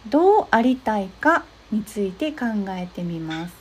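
A young woman hosting an advice talk, explaining steps gently with frequent soft agreeing fillers. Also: medium pitch, sing-song, measured pace, husky. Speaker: podcast host giving advice to therapists.

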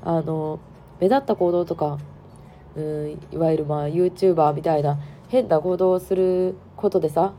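A woman with a Kansai accent, hoarse and stuffed up, hosting a frank, chatty solo podcast with plenty of fillers. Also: deep voice, warm tone, slight background noise. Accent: Kansai Japanese. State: hoarse, congested nose. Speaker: podcast host. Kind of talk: casual solo podcast talk.

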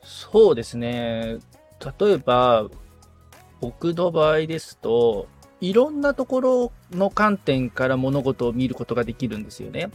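Soft music plays behind a mid-range male voice with big pitch swings and an unhurried pace. The speaker, around forty, is a guitar repair technician guesting on a podcast, giving thoughtful, tentative explanations in a relaxed interview.

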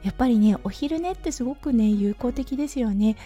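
A woman with a hoarse, slightly raspy voice from overuse, chatting through a casual solo audio diary as a host. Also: fairly high pitch, animated, brisk, dark tone. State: hoarse from overuse, sore throat. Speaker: podcast host, anaesthetic nurse. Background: background music.

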